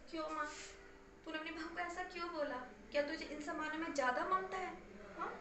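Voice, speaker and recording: A woman's voice: very high voice, steady tone, a little fast, echoey room, background noise. A woman playing an angry married daughter who scolds her mother with emphatic repetition in an acted family story. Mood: reproachful. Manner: reproachful, emphatic, repeating herself.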